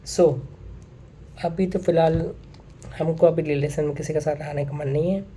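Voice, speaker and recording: Very dark-voiced young man venting. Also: on the high side, steady tone, normal speed, a little hiss or hum. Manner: earnest, repeats himself, mixes in English phrases. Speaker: vlogger. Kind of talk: casual monologue to camera.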